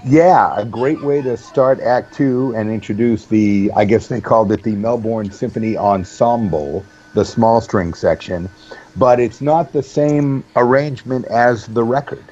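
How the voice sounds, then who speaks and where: A man co-hosting a casual music podcast, talking in a thoughtful, measured, somewhat hesitant way. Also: medium pitch, a little mellow, a little hiss or hum. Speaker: podcast co-host. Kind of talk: casual chat. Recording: dull lo-fi audio.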